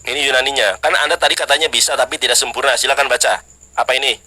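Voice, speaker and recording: Rapid-fire and steady in tone, a Sundanese man's husky, pushed, bright voice presses the other side in a live debate on a video call. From West Java, Indonesia, he is challenging and insistent, and he chants scripture in high sung tones.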